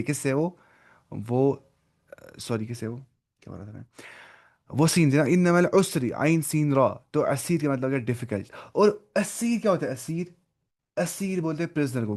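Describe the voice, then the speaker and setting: A man's voice: mid-range voice, darkish tone. Man, Urdu-speaking accent, online Arabic teacher, looks up words, corrects himself. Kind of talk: online language lesson.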